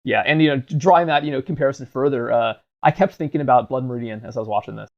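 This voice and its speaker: A man hosting a podcast in casual chat, explaining fluently and relaxed. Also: mid-range voice, very fast, vocal fry, lo-fi sound. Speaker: podcast host.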